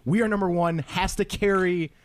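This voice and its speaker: Young man, slightly high voice, excitable, laughs a lot, rambling restarts, dry close sound. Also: moderate pace, no echo. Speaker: podcast co-host. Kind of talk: casual chat.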